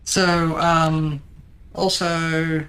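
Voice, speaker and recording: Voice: medium pitch, flat delivery, very slow, fairly bright tone, smooth. A streamer chatting casually while playing a game, teasing a co-player and explaining things with a dry wit and lots of ums.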